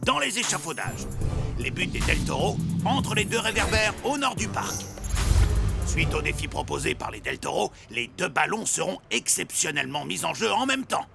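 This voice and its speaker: A man voicing an energetic, brisk street football announcer in an animated series. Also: high voice, gravelly, full character voice. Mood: brisk, commanding. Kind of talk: French animated series dubbing. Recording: loud music behind the voice.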